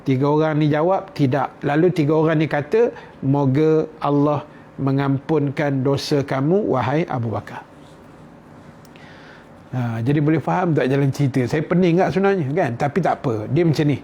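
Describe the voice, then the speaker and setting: A man's voice: a little high, normal speed, warm tone, slight background noise. A man with a Malaysian Malay accent giving a conversational religious lecture as a teacher. He asks his listeners questions and retells the quotes he reads in casual everyday speech.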